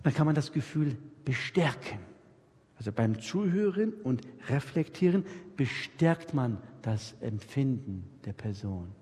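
Preaching to a congregation, a man gives a lively, animated sermon with widely swinging pitch, acting out small dialogues and turning to his listeners. His voice is slightly husky and his pace a little slow, and the sound carries the long reverb of a church hall.

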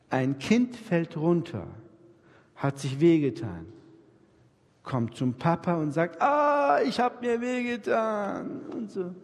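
A man delivers an animated sermon, his pitch swinging widely as he acts out little dialogues and turns to his listeners. His voice is slightly husky. The sound rings out with the long reverb of a church hall. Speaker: preacher to a congregation. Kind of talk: lively sermon.

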